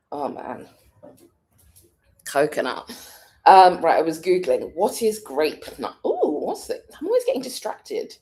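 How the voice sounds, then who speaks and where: British woman vlogger chatting with lively swings in a low voice. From Britain. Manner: rambling, easily distracted, thinks out loud, laughs often. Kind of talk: casual vlog chat.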